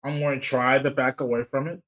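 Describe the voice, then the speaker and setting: A man chats casually as a player in a tabletop role-playing game. His voice is medium in pitch, heard through a dull, lo-fi recording. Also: little pitch movement, fairly quick. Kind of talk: casual in-character tabletop chat.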